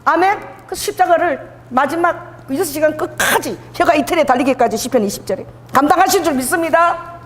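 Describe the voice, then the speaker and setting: A woman pastor preaching a sermon, with animated delivery that questions the congregation and calls for amen. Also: high-pitched, fairly quick. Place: church sanctuary. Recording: long hall reverb in a church.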